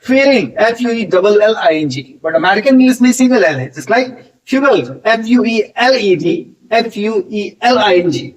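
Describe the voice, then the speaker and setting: A man's voice: high-pitched, lively intonation, moderate pace, few pauses, muffled recording. A man teaching as an English tutor, patiently explaining spelling rules step by step and spelling words out letter by letter. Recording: voice a bit distant from the mic.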